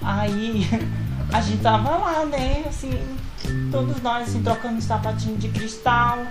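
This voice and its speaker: Woman, Brazilian Portuguese accent, lively storyteller, slightly high voice, echoey room, loud music under. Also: a little slow. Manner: animated, laughing storytelling with voiced quotes. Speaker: podcast storyteller. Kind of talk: casual chat among friends.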